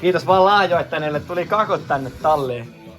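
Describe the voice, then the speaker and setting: A man's voice: on the high side, animated. Joking young guy in a noisy garage. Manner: joking, swearing, chatty. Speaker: vlogger. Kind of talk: casual garage vlog narration. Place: home garage workshop. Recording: music playing loudly in the garage. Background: loud music playing.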